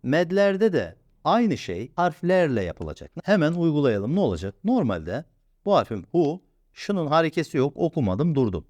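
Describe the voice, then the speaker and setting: A patient male teacher leads a recorded lesson, posing questions and answering them himself. His voice moves up and down a lot as he stretches out sounds slowly for the learner. The sound is dry and close, with no room echo. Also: a little high, very animated, a little mellow. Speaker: Quran reading teacher.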